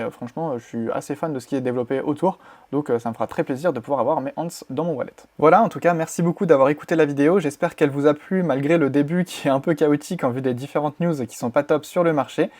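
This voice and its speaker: A man's voice: mid-range voice, darkish tone. A man presenting a casual news vlog in a chatty way, with plenty of fillers and restarts. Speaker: crypto YouTuber.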